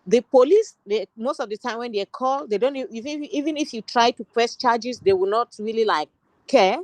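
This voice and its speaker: A woman's voice: fairly high pitch, normal speed, darkish tone, dry recording, poor audio. A woman from Cameroon, a social worker and guest on an online panel, speaking earnestly and steadily with frequent restarts.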